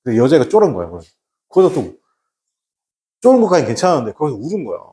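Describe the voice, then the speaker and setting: A man teaching a class in a relaxed, conversational way, putting questions to himself and answering them. His pitch sits in a middle range but swings freely up and down. He acts out the lines he quotes. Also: rapid-fire. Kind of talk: lecture with a personal anecdote.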